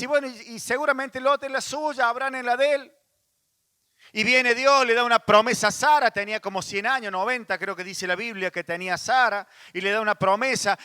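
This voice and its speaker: A male pastor with a Rioplatense Spanish accent preaches conversationally, often restarting and making asides to the congregation. His voice is high and sharp, recorded cleanly with no echo.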